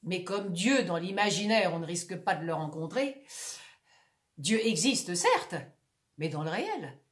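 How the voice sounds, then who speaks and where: A woman reading a comic monologue aloud in an expressive theatrical recitation, swinging between bright and hushed delivery. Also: on the low side, a little slow. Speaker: reader of literary texts. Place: room at home. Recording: roomy echo.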